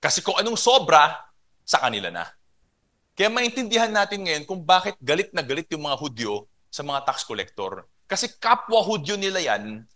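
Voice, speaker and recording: Male Filipino preacher, lively sermon delivery, fairly high bright voice. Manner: animated, asks the congregation questions, mixes Tagalog and English.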